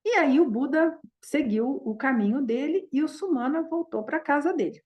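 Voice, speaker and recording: A woman leads a dharma talk by retelling an old story. She speaks informally, with frequent fillers and restarts. Her voice sits somewhat high. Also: expressive, moderate pace, a little mellow, lo-fi sound. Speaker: Buddhist dharma teacher.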